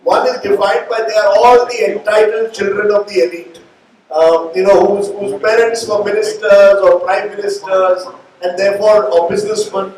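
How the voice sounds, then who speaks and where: A man's voice: high voice, fairly even intonation, moderate pace, a little mellow. A middle-aged man with an Indian accent, hosting a live interview with long, reflective, meandering questions. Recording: echoey room, distant mic, faint noise.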